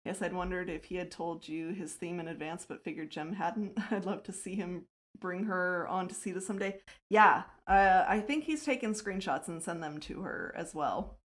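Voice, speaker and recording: A woman's voice: fairly low pitch, moderate pace, fairly bright tone. A woman hosting her own livestream, chatting casually while she plays, laughing often and answering her chat. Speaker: livestreamer and server host.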